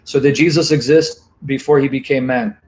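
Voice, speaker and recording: A man's voice: mid-range voice, steady tone, normal speed, darkish tone, rough recording. A man hosting a heated call-in debate, impatient and domineering, repeating his questions and cutting in. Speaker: debate host.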